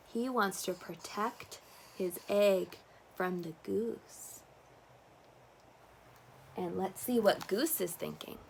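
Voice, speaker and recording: A woman reading a picture book aloud to toddlers, animated and coaxing, with simple questions and playful sounds. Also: mid-range voice, slight background noise. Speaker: storyteller reading a picture book to young children.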